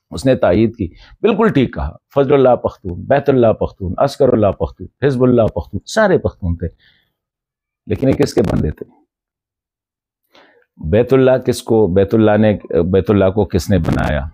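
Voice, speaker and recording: Speaking with a fairly low, warm voice, a commentator and journalist from northwest Pakistan's Khyber Pakhtunkhwa turns to a colleague on camera. He uses rhetorical questions and respectful reproach throughout this direct-address video, captured in a dry recording.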